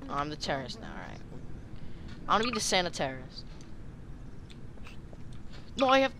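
A woman's voice: deep voice, very animated, normal speed, background noise. A woman chatting casually and playfully with a friend while they play a video game, often breaking into giggles. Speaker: gamer.

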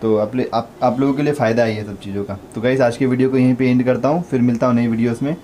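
A man's voice: mid-range voice, steady tone, quick pace, warm tone, a little hiss or hum. A man, a vlogger asking brief questions and giving short agreeing replies in a casual shop visit. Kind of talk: casual vlog interview.

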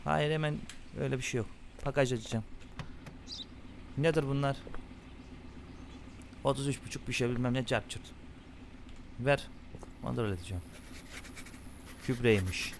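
A man commenting casually on his own gameplay, muttering to game characters and often bursting into loud, irritated yelling at them. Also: mid-range voice, moderate pace, vocal fry, pauses often, a little hiss or hum. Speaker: gaming channel host.

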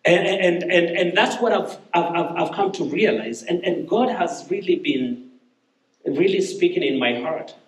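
A man's voice: high-pitched, measured pace. A man, giving an earnest testimony sermon from a church stage, often repeating words as he restarts. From Kenya. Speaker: guest speaker. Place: church stage, large room. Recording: roomy church hall, somewhat distant.

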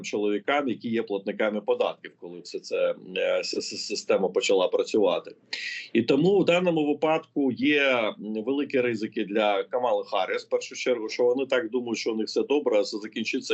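A man working as a political analyst, answering interview questions in an explanatory way, thinking aloud as he goes. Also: on the low side. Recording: muffled lo-fi audio.

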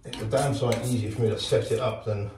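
A man's voice: mid-range voice, steady tone, fairly quick, a little mellow, recorded from a distance. A man in his thirties giving a matter-of-fact how-to narration as he builds out a narrowboat hull, talking while he works. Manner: practical, matter-of-fact, talks while working. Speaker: DIY boat builder. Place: inside a narrowboat hull under construction. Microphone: camera mic, speaker moving near and away. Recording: echoey hollow hull, off-mic at times, work noise.

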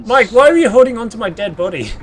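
A man's voice: high voice, expressive, quick pace. A man playing a game with friends, exclaiming in mock panic amid casual banter. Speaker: player in a group gaming session. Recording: music clearly behind. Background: music.

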